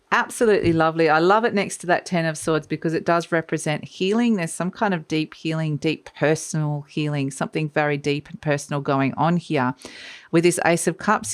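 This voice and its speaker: Woman tarot reader, deep and smooth, for a mystical horoscope reading; conversational and musing.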